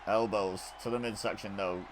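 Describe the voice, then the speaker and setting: A man calling wrestling video game action play-by-play in a chatty, excitable way, often correcting himself. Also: on the low side, moderate pace, a faint crowd, slight background noise. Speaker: gaming video host. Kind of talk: play-by-play commentary over video game footage.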